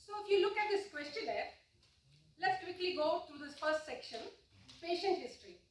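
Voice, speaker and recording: An actress voicing a calm, formal doctor who talks very slowly and patiently in a rather high voice. Her lines come from far away in a big, echoing hall, with a faint hiss underneath. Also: full character voice. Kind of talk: stage play acting. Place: stage in a hall.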